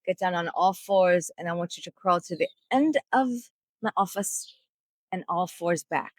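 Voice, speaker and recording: A woman voicing an old male holistic doctor, speaking in short, drawn-out lines. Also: fairly low pitch, expressive, dry recording, lightly acted. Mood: deadpan.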